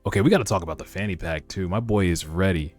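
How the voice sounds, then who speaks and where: A deep-voiced, fast-talking man with a darkish tone streams himself reading a webtoon aloud, reacting in casual slang and occasionally swearing. Music plays in the background throughout.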